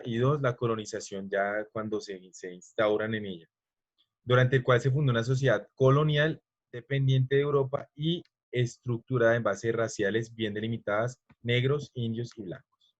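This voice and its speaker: A man's voice: medium pitch, steady tone, moderate pace, highs cut off. A man teaching an online history class, rambling and stopping to quiz his students.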